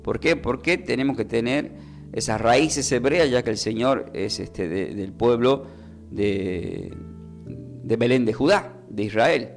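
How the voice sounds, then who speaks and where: A man preaching a Bible lesson for radio, in a teacherly way, asking questions and then answering them and repeating key words slowly. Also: medium pitch, vocal fry, faint music behind.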